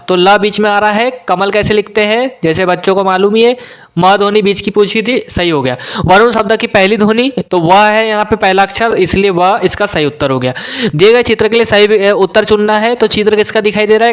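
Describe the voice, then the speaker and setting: A male teacher going through an exam paper question by question, explaining each answer step by step with frequent "uh" pauses. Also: sits high, clean tone. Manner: explains step by step, often pausing with "uh". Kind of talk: exam solution walkthrough.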